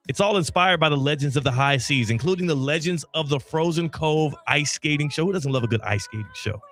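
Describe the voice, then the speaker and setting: A man hosting a sports radio show, talking in a loud, energetic and playful way. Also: mid-range voice. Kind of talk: casual radio talk. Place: radio studio.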